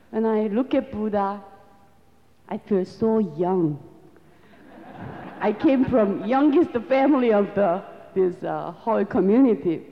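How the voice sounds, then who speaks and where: A woman with a Korean accent gives an earnest, reflective lecture to an audience in non-native English. Her voice is a little high and she speaks slowly and deliberately. The audio sounds dull, with a long hall reverb.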